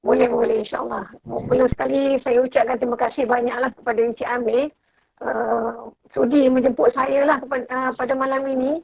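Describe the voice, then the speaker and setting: A woman in her fifties, a university professor, speaking as a guest on a live-stream interview over a video call. She talks softly and hesitantly, with many pauses. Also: high voice, flat delivery, gravelly, slightly rough, no room sound, phone-quality sound. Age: 50s.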